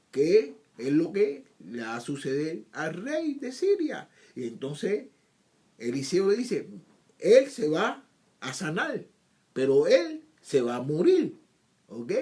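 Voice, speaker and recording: A man's voice: high-pitched, darkish tone. A man teaching scripture, reading verses aloud and explaining them in his own words, often repeating himself and asking rhetorical questions. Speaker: Bible teacher.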